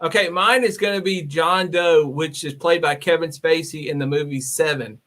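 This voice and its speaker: Excitable young-sounding male co-host. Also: a little high, normal speed. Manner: excitable, exclamatory. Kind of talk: casual live-stream chat.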